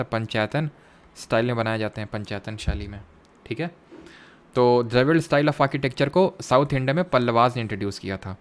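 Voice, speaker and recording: A young man with an Indian accent teaching an exam-prep history class. He puts questions to his students, answers them himself, and drops English terms into his speech. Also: mid-range voice. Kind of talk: classroom lecture with quiz questions.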